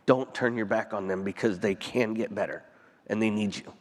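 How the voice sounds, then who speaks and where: Man, panel guest, earnest, emotional, lowish voice, hall reverb. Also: fairly even intonation. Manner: earnest, emotional, pausing often. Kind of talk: onstage conversation. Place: conference stage.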